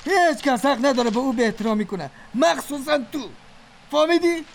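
A man's voice: extremely high pitch, expressive, creaky, slight background noise, full character voice. An actor with an Afghan Dari accent playing a commanding middle-aged male company boss and father. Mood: scolding. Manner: commanding, scolding.

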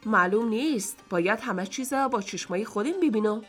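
A woman's voice: medium pitch, expressive, husky, faint music behind. A woman voicing a proud, fussy male master of a house who scolds his servant sternly. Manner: stern, scolding, fault-finding.

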